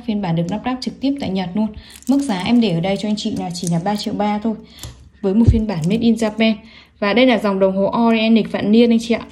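A woman's voice: medium pitch, darkish tone. A woman selling products online in a salesy, emphatic showcase, running through specs and prices. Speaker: online watch seller presenting products.

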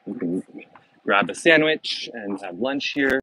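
A man's voice: medium pitch, animated, a little slow, sharp tone, poor audio. A man giving a casual walking tour outdoors, talking in a loose, chatty way with many fillers and restarts, recorded on a handheld camera. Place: outdoors on city streets and in a garden. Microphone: handheld phone camera, speaker off screen.

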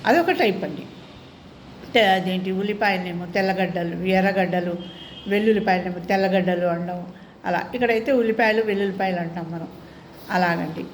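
A woman's voice: fairly low pitch, a little fast, slight background noise. A middle-aged woman talking casually to her viewers, explaining things politely and often mimicking how other people talk. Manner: polite, adds respectful 'andi' to many sentences. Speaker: vlogger.

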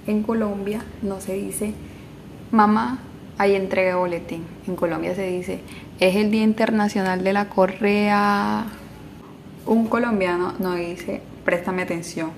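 Woman vlogger, mid-pitched, casual and playful, rhythmic explainer delivery, faint background noise. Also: fairly even intonation, unhurried, gravelly. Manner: playful, rhythmic contrasting of everyday sayings. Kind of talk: casual spoken explainer of slang.

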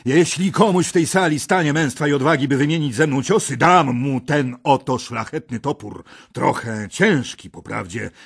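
A man's voice: medium pitch, husky, pitched above the performer's own voice. A man voicing a huge green knight with a thundering, scornful voice in an audiobook. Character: booming huge male green knight, mocking.

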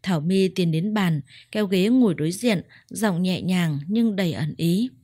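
A woman telling a family drama story in steady, scripted narration. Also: on the low side, normal speed, no echo, studio quality.

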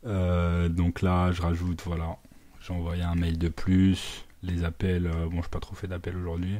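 A man's voice: sits low, monotone, moderate pace, warm tone. A man who runs a digital marketing agency, narrating his work live in a casual way, thinking aloud with many fillers and little sound words, and dropping English business terms into his talk. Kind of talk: live screen walkthrough, casual.

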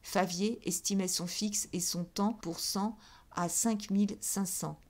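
A woman reading a classic novel aloud as an audiobook in a measured, steady way. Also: medium pitch. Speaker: audiobook reader.

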